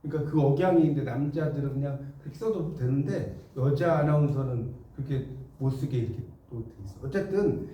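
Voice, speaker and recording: This classroom lecture features a middle-aged man dictating notes, repeating important phrases, and making sure his students follow along. He speaks briskly, hardly pausing, in a mellow medium-pitched voice, picked up from a distance and off-mic in an echoey room.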